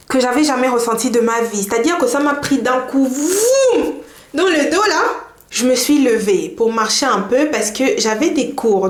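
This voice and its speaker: Brief: young woman, casual storytime, chatty and animated, highish voice, echoey room. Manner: lively, chatty, laughs while telling, addresses viewers directly. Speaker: vlogger. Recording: echoey room, faint noise.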